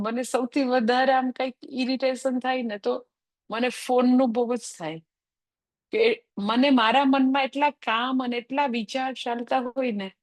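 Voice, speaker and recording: A woman's voice: sits high, a little mellow, dry recording. A woman spiritual teacher giving a scripture class in a conversational way, dropping English phrases into her talk.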